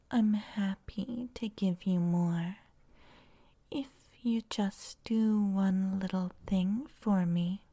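A woman voices a seductive female vine creature for a whispered audio roleplay. Her medium-pitched delivery is soft, breathy and coaxing.

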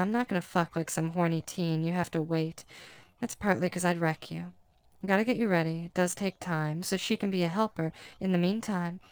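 Smug succubus demon, voiced by a woman: lowish, smooth voice, teasing and languid, dry close sound. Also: no echo, close to an everyday voice, low-quality recording. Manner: teasing, languid, commanding, soft-spoken. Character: dominant, playful female succubus demon, smug. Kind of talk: erotic audio roleplay.

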